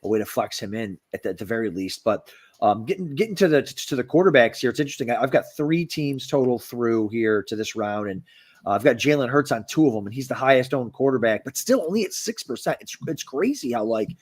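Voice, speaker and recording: A man co-hosting a fantasy football podcast in casual banter, excitable and often stammering and repeating words. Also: medium pitch, a little fast.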